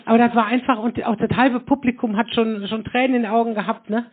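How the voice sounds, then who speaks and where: A man tells stories to a hall audience in a loose, rambling way and keeps throwing in "ne?". His voice sits high. The live recording is muffled and thin, like a phone line. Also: level tone, fast talker. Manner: rambling, constant tag questions "ne?". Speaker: host of a live podcast show. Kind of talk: chatty live stage talk to an audience.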